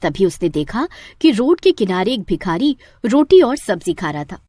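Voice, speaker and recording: A woman's voice: medium pitch, very animated, moderate pace, dark tone. A woman narrating a scripted story.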